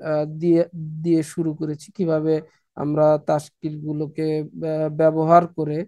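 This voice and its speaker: A man teaching Quran reading in an online lesson, pausing often with filler sounds and drilling syllables slowly. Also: on the high side, monotone, dark tone, no echo.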